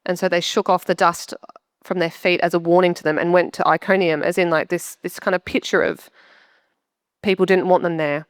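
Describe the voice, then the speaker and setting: A woman's voice: fairly low pitch, fairly even intonation, brisk, dry recording, clean studio sound. A young woman sharing a heartfelt testimony in a church interview, chatty and earnest. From Australia. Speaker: church member interviewed on stage.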